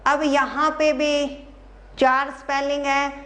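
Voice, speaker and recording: High-voiced woman teaching, slow and repetitive. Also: little pitch movement, a bit bright. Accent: Haryanvi Hindi. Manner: spells words letter by letter, repeats answers to students. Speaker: English teacher. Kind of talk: classroom exam-prep lesson.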